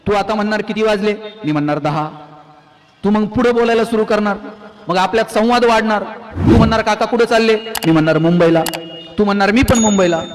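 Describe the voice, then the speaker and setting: High-voiced man giving a rousing speech in a hall. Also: brisk. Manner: rousing, storytelling, with sharp rises and drops in pitch and loudness. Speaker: motivational speaker. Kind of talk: motivational speech to an audience. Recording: long hall reverb.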